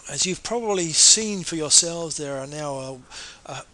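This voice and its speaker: A man, a marketing consultant, giving an earnest, persuasive sales pitch and now and then correcting himself mid-sentence. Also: expressive, normal speed, pushed and bright, poor audio.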